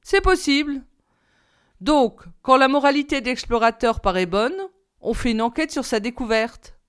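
A self-important old geographer who lectures formally, as a woman reads his part. The voice is clear and smooth and sits fairly high. He comes across as a storybook scholar in an audiobook. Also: lively intonation, moderate pace. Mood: lecturing. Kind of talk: audiobook reading.

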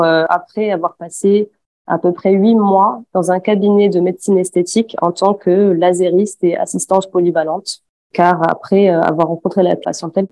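A woman's voice: on the low side, dark tone. A woman in her twenties from Afghanistan, giving a spoken personal testimony with frequent fillers and restarts. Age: 20s. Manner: hesitant, many fillers and restarts.

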